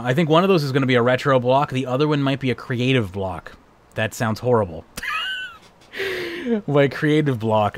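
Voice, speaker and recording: A man with a hoarse voice, hosting and wrapping up a livestream in a casual, rambling way. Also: medium pitch. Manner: rambling, laid-back. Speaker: livestream host. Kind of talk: casual stream sign-off chat.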